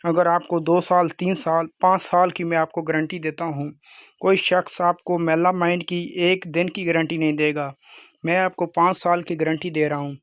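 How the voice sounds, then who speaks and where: A man hosting an informal video sales pitch, insistent and repetitive like a salesman. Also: level tone, moderate pace, a bit bright, clear, resonant tone, dry recording, studio quality. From Pakistan. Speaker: YouTube channel host selling crockery.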